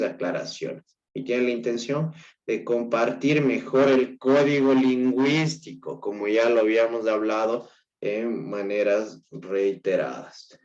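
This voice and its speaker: A man with an Ecuadorian Spanish accent lectures to his class at an unhurried, deliberate pace. He explains step by step, keeps checking whether his students are following, and stumbles on and repeats words. The recording sounds dull and lo-fi. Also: medium pitch, a little mellow. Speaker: teacher.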